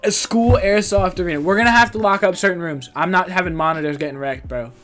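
A man's voice: high-pitched, fast, crowd noise. A young man in casual voice chat, talking in a slangy frat-bro manner. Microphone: voice chat on Discord.

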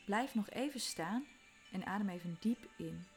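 Woman, calm meditation guide, unhurried delivery, faint music underneath. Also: medium pitch. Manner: slow, calm, soothing instructions with soft whispered moments.

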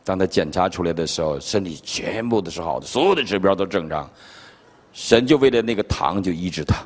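A man's voice: low-pitched, a little fast. Older guy from china preaching, funny storyteller, big echoey hall. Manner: animated storytelling with humor. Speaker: pastor. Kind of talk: sermon. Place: conference hall. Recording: reverberant hall.

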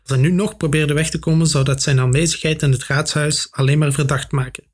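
A man reading a children's adventure story aloud with steady, expressive narration. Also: fairly high pitch, brisk, husky. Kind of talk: audiobook narration.

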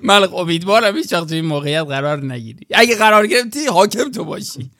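A man co-hosts a casual chat, throwing in dramatic exclamations and crude jokes. His voice is high and gravelly with plenty of fry. The recording is dry and close. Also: expressive, a bit bright, no echo. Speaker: podcast co-host.

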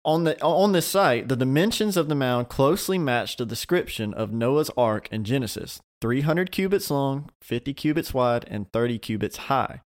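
A man co-hosting a relaxed podcast, reading facts aloud in a middle-pitched voice. He stumbles over tricky names and shrugs them off with quick jokes. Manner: stumbles over hard names, jokey asides. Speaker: podcast co-host. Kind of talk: casual chat, reading out an article.

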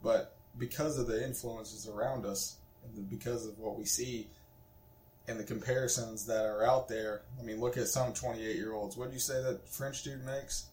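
A man's voice: medium pitch, fairly even intonation, moderate pace, darkish tone. A man in his twenties co-hosting a casual podcast, rambling with lots of fillers. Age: 20s. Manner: rambling, filler-heavy, laughs easily. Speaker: podcast co-host. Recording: echoey room.

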